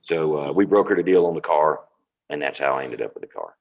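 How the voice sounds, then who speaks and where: Southern man, deep voice, guest on an online car show, relaxed, rambling storyteller. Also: fairly quick, vocal fry, highs cut off. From North Carolina. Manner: relaxed, rambling with many fillers. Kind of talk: casual storytelling on video call. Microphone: video call.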